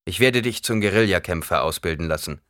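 A man reading an audiobook, voicing a weary, fatalistic noble duke who speaks gravely to his son. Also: deep voice, lively intonation, brisk, fairly bright tone, dry recording, studio quality.

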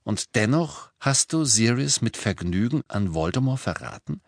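A man's voice: medium pitch, sing-song, moderate pace, no echo, studio quality. A man voicing an insistent teenage boy wizard in an audiobook, pressing hard with tense questions. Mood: bewildered.

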